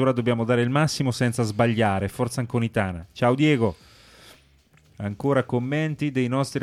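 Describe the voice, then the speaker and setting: A male radio host with a mid-range voice talks football. He moves between relaxed studio chat and reading out messages sent in by listeners. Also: mid-range voice.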